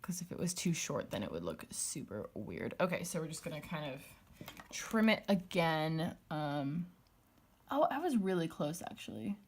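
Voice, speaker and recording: Chatty young woman, slightly low voice. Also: very animated, normal speed. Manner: chatty and rambling, many likes and ums, thinking aloud. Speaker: planner vlogger. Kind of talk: casual talk while decorating a planner.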